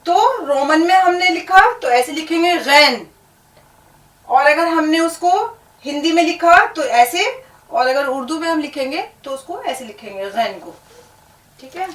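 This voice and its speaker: A woman with a high voice teaches a language lesson, spelling words out patiently and repeating them for the learner. She keeps checking in with a quick "right?" as she explains. The sound is roomy and echoing, picked up from a mic some distance away. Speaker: Urdu teacher. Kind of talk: classroom lesson on letters and words.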